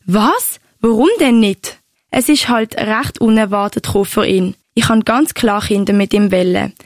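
A woman's voice: mid-range voice, normal speed, dry recording, studio quality, lightly acted. A woman voicing a fond, chatty grandmother who tells her story in a Swiss German accent. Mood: reflective. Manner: fond, storytelling, a bit bashful. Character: warm chatty Swiss grandmother recalling romance. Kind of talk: amateur audio drama.

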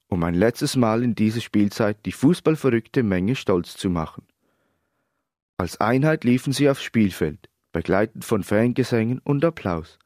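A man narrating a story in a steady, even reading voice. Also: fairly low pitch, no room sound, clean studio sound.

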